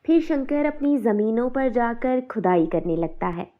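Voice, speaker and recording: A woman narrating a scripted cartoon moral story in an even storytelling voice. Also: on the high side, moderate pace. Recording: dull, muffled sound.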